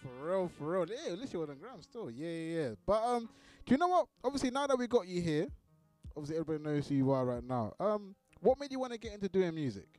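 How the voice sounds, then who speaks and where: A man's voice: high-pitched, big pitch swings, fast talker, a little mellow, soft background music. A man hosting a radio show in casual, slangy chat, often repeating his phrases. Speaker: radio host.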